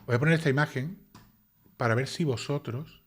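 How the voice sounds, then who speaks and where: A man's voice: medium pitch, a little fast, breathy edge. A man reading a legal document aloud and breaking off to comment on it with sarcastic, indignant rhetorical questions. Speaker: YouTube commentator. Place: home desk with computer.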